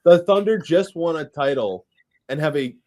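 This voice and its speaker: A man's voice: a little high, animated, normal speed, warm tone. A man co-hosting a sports podcast, talking plainly and earnestly to listeners. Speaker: podcast co-host. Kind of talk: casual sports podcast chat.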